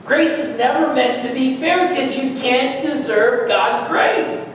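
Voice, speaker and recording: A man preaching a sermon as pastor, animated, with rhetorical questions and emphatic peaks. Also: extremely high pitch, measured pace, a little hiss or hum. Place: church hall. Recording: echoey church hall, far from mic.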